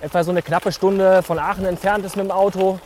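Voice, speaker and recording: Calm guy explaining stuff while riding, higher voice, some road noise. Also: a little fast. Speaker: gravel and road cycling expert. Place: outdoors on a group bike ride.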